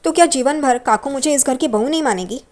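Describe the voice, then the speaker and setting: A woman's voice: high-pitched, fast talker, a little mellow, lightly acted. A woman reading a guilt-ridden young wife. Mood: guilty. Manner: pleading, self-blaming.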